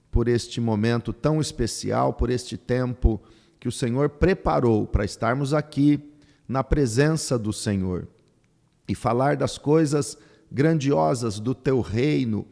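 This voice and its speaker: An older man, a pastor hosting a podcast, who opens with a slow, solemn prayer and welcomes his guest. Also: medium pitch, gravelly, darkish tone, big-room sound.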